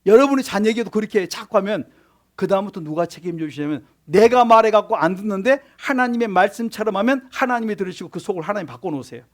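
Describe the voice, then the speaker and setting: A man's voice: sits high, expressive, fast. A male pastor preaching a sermon in church, often putting questions to the congregation and answering them. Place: church sanctuary.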